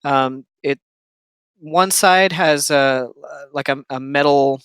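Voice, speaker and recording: A man narrating as game master of a tabletop game, halting now and then with fillers as he describes the scene. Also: fairly high pitch, clean tone, no echo. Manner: relaxed, halting narration with many ums.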